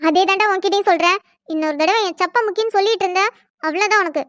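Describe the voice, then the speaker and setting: A woman voices a defiant young bride in a cartoon drama, firing off hot, sarcastic retorts in a very high, slightly bright voice. She talks fast. The recording is dry and close.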